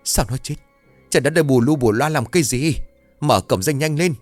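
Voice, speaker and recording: A man's voice: medium pitch, brisk, a little mellow, dry recording, soft background music, pitched above the performer's own voice, natural voice. A man voicing an elderly village grandfather who barks orders in a panic. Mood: panicked. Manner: gruff barking orders.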